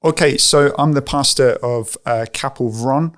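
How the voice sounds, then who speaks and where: A pastor whose first language is English answers questions in a conversational interview, thinking carefully and hesitating, with many fillers and restarts. His mid-range voice is a bit bright, and he takes his time.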